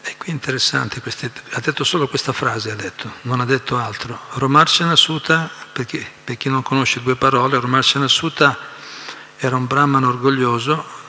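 A man explaining a scripture reading at a devotional class, telling the story in an animated way with asides and repetitions. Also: mid-range voice, moderate pace, big-room sound.

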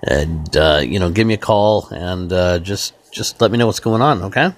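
A man's voice: low voice, moderate pace. A man hosting a casual talk show, talking in a rambling way with many false starts. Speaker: host. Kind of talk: casual chat.

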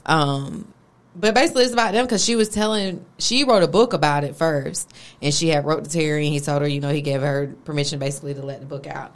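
Woman, low voice, chatty co-host, storytelling. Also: fast talker. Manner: chatty, storytelling, laughs often. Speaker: podcast co-host. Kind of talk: casual chat.

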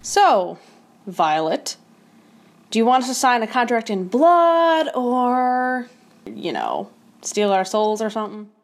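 A woman plays a blunt young New Yorker with a high, lively voice and a New York accent. She speaks slowly and turns flustered in an audio drama. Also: heavily acted.

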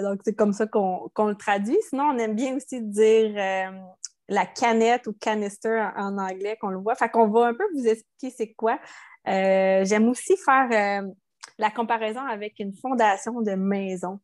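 A woman's voice: mid-range voice, darkish tone. Playful Quebec woman hosting a podcast. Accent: Quebec French. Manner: playful, jokes about her own accent. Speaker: kinesiologist and podcast co-host.

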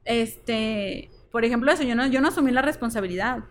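Mexican woman on a podcast, higher voice, candid slangy storytelling, slight hiss. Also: a little fast. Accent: Mexican Spanish. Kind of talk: casual podcast chat.

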